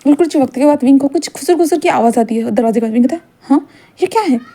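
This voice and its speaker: A woman narrating a romance fan-fiction story at a brisk, tumbling pace, chatty and rambling with frequent restarts. Her voice is fairly high yet mellow and soft-edged. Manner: rambling, chatty, self-correcting.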